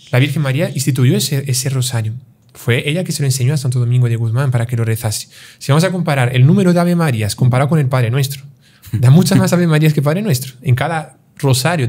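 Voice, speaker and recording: Calm, mellow-voiced priest explaining. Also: male voice, medium pitch. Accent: Spanish-speaking. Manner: calm, measured, teaching with parables and rhetorical questions. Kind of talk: explanatory religious talk.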